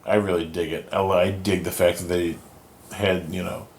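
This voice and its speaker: A man with a lowish voice chats loosely as a podcast host. He rambles, swears casually and often trails off mid-thought. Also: level tone, normal speed. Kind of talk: casual chat.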